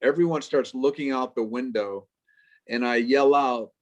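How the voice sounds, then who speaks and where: Lively storytelling man on a video call. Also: mid-range voice, highs cut off. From Chicago, United States. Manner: lively storyteller, quick asides and jokes. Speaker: guest, professor. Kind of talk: casual interview over video call.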